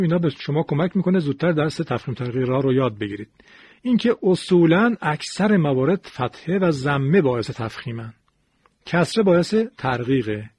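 A man teaching a Quran recitation lesson step by step, slowing down to chant example words. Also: medium pitch, darkish tone, breathy edge. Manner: explains rules patiently, slows down to chant example words.

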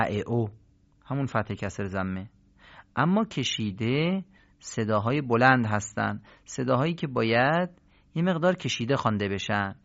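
A man's voice: medium pitch, fairly bright tone. A man teaching the rules of Quran recitation in a recorded lesson, explaining step by step and asking questions he then answers himself. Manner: explanatory, asks rhetorical questions and answers them. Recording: dull lo-fi audio.

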